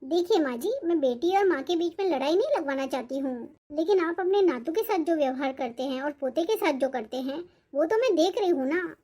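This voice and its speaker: A woman's voice: high voice, lively intonation, a little fast, hardly any pauses, mellow. A woman voicing a young daughter-in-law in a family cartoon, speaking respectfully but pressing her complaint. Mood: complaining. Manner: respectful yet persistent, explaining her grievance. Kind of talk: cartoon voice acting.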